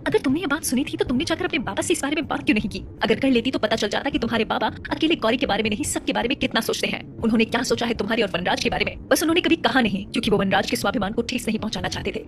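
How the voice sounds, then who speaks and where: A woman's voice: a little high, lightly acted. A woman voicing a stern, angry mother of a royal household, scolding and demanding answers.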